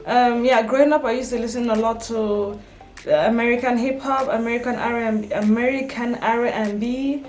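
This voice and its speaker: A woman's voice: fairly high pitch, steady tone, normal speed, darkish tone. A young woman from Cameroon, chatting casually in a get-to-know-me vlog, full of ums and self-corrections. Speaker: vlogger. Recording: echoey room with background music.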